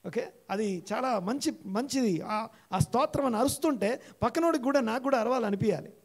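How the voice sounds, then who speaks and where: A male pastor preaching an interactive sermon in a church, repeating key phrases, quizzing his listeners and slowing down to read scripture aloud. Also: animated. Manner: slows and rises in pitch when reading scripture aloud. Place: church hall.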